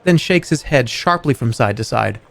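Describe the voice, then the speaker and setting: A man's voice: medium pitch, expressive, moderate pace, gravelly, fairly bright tone. A man reading game narration aloud on a livestream in a playful, theatrical way. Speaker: game streamer.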